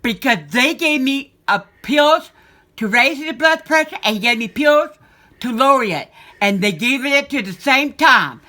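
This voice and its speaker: A woman's voice: a little high, pushed and bright. A middle-aged mother in a heated family argument at home, defensive and evasive, talking over the other speaker. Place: inside a home.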